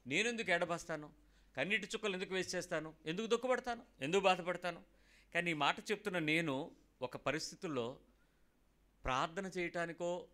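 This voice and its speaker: A man preaching a sermon, animated, asking rhetorical questions, calling on the congregation to answer, and mixing in English phrases. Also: fairly high pitch.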